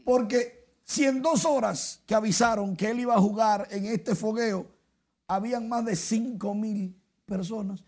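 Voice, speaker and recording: Casting: high, husky-voiced man, animated sports presenter. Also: measured pace. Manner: lively, excited play-by-play delivery. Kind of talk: sports news segment.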